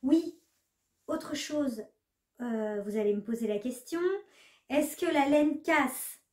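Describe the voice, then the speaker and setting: A woman's voice: high-pitched, animated, takes it slowly, a little mellow. A woman knitting vlogger chatting casually to the camera, hesitant, with many fillers. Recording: echoey room.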